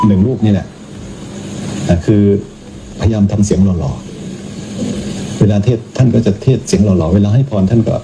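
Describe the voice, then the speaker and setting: A low-voiced male monk chats casually and teases with a joking manner. Clear background noise runs behind his voice throughout. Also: normal speed, pauses often. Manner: teasing, joking. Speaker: Buddhist monk. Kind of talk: casual mocking commentary.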